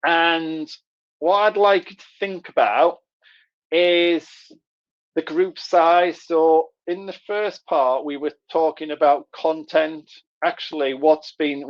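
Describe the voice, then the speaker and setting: Teesside man presenting, slightly high voice. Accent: Middlesbrough, Teesside. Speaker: webinar presenter. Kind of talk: explanatory online workshop talk. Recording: dull, lo-fi online call audio.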